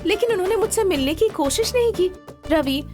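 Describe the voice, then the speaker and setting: A high-voiced eager young woman. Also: fairly quick, over music. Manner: excited, breathless questions. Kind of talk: dubbed film dialogue.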